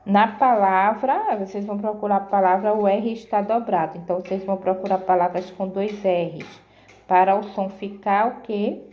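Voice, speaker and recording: A woman's voice: mid-range voice, steady tone, roomy sound, highs cut off. A woman teaching a grammar lesson to pupils, sounding out words syllable by syllable and checking in often. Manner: slow, careful syllable-by-syllable explanations with frequent "certo?".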